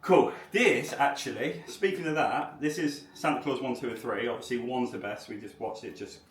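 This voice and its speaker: A man's voice: mid-range voice, moderate pace, echoey room. A man chatting casually to camera in a vlog at home, enthusiastic and rambling, with lots of "like". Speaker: vlogger and tattoo shop owner.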